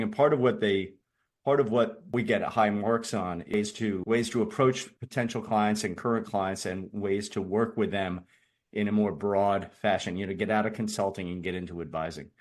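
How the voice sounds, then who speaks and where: Here the same kind of host, stuffed up with a rattling chest cold, runs a laid-back online community meeting full of jokes and tangents. He speaks briskly, in a lowish voice.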